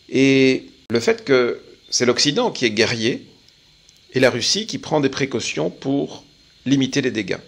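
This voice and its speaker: A man giving a measured, opinionated spoken commentary on current affairs, pausing often. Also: fairly low pitch, creaky, fairly bright tone. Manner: measured, opinionated, with frequent pauses. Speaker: political commentator.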